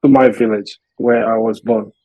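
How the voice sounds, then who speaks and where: A man from Malawi, a podcast guest telling his story in an earnest, measured way, often restarting his sentences. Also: lowish voice, steady tone, mellow, no echo, low-quality recording. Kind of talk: interview conversation.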